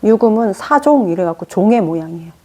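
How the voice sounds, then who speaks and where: A woman lectures her class on fortune-telling in a loose, conversational way. Her voice is warm and mellow at an ordinary pitch, and she brings her stories to life with acted-out quotes. She keeps the room involved by asking the students questions. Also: fast talker. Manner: lively storytelling with acted-out quotes; chatty, poses questions to the class. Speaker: teacher of Korean fortune-telling.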